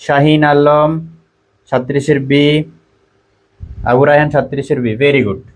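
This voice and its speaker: A man from Bangladesh runs a quiz lesson for test takers, asking each question over and over and reading the options aloud. His voice sits a little high for a man. He reads students' answers back to them one by one. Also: flat delivery, measured pace. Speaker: admission test tutor.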